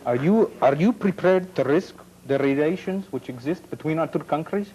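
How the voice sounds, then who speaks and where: A man playing a boastful, menacing visitor, mocking and quick to take offense. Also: fairly high pitch, animated, mellow, slight background noise, lightly acted, rough recording. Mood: sparring.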